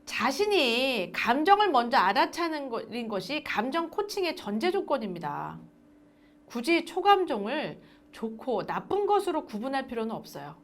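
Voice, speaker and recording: A woman lecturing parents in a recorded parenting class, often asking her listeners questions. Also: high-pitched. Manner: lively, asks the audience questions.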